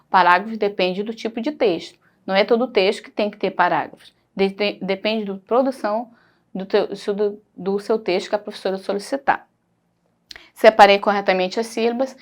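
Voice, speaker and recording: A woman teacher with a Brazilian Portuguese accent, giving a recorded primary school lesson in a patient, explanatory way and pointing things out as she goes. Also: mid-range voice.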